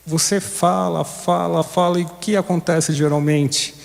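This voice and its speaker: A man's voice: a little high, fairly even intonation, a little slow, gravelly. A man preaching in a conversational way at a recovery group, asking his listeners questions. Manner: conversational, asks the audience questions. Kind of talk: sermon. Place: church hall. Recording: long reverb of a hall.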